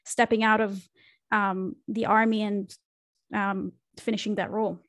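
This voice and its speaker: A woman's voice: medium pitch, little pitch movement, unhurried, no echo. A woman, a podcast guest reflectively telling her career story with fillers and restarts, speaking into a studio microphone on a video call from a small home room. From Israel. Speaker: podcast guest, marketing consultant. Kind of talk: casual interview conversation.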